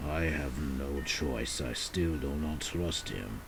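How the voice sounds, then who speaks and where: A man voicing a wary, stubborn male pirate captain in a homemade puppet drama, speaking slowly and grudgingly. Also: very deep voice, gravelly, noisy background, exaggerated voice. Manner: slow, grudging and suspicious.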